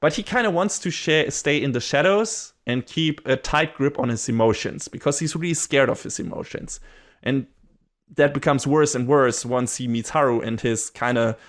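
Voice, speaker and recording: A man's voice: medium pitch, normal speed. A man co-hosting a podcast, chatting casually in a rambling way, swearing and laughing often. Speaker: podcast co-host.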